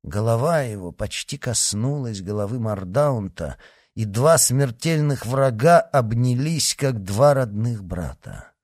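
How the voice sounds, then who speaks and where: A man's voice: medium pitch, unhurried, no echo, clean studio sound. Dramatic male audiobook narrator. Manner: expressive, dramatic reading. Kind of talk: scripted narration.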